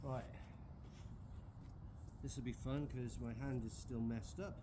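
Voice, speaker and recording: A man's voice: medium pitch, steady tone, slow pace, very noisy. A man casually vlogging to camera outdoors in the woods, chatty and self-mocking as he sets up a tent. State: out of breath. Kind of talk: casual camping vlog.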